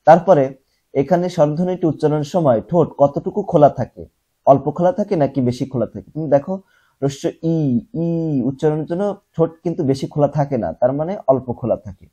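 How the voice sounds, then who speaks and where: A young male teacher with a very dark, mellow voice and a husky edge. He works through the lesson step by step, asks his students questions and answers them himself. He repeats single sounds slowly to show how they are said. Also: on the high side, dull audio. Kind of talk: classroom lesson.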